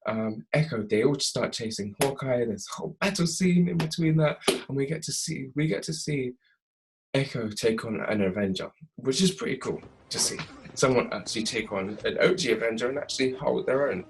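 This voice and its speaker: A young man casually recapping a TV episode, chatty and animated, laughing often. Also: mid-range voice, normal speed, slight background noise. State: tired.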